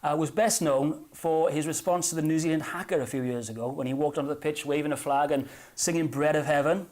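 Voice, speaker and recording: Male TV co-host, rapid and upbeat, slightly high voice. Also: a little mellow. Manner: quick, enthusiastic interjections. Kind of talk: TV chat show presenting.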